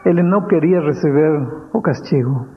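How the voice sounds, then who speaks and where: A male preacher recounting a story from the pulpit, slowing down hard on key words for drama. His voice sits a little high for a man. The recording is dull and radio-like, with a long reverb that hangs in the hall. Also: animated. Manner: dramatic, with slow deliberate stretches. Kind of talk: sermon storytelling.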